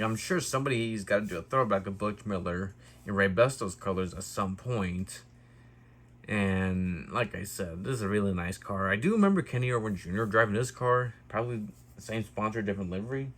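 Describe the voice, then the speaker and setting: A man's voice: on the low side, expressive, fairly quick, a bit bright. A man hosting a casual hobby review video, talking in a rambling way that often gets sidetracked and corrects himself. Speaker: YouTube diecast reviewer.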